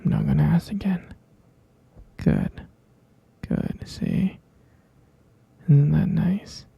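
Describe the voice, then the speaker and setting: A young man voicing an obsessive boyfriend who keeps his lover caged, whispering in a soft, coaxing way. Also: on the high side, huge pitch swings, slow pace, no room sound, lo-fi sound, heavily acted. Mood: possessive, coaxing. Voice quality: breathy whisper. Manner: soft, coaxing, menacingly sweet. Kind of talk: whispered ASMR roleplay.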